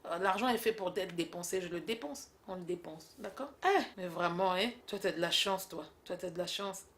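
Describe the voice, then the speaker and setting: A woman's voice: lowish voice, moderate pace, a bit bright, a little hiss or hum. A young woman in a comic back-and-forth, teasing and scolding with frequent laughter. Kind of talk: comic two-woman dialogue.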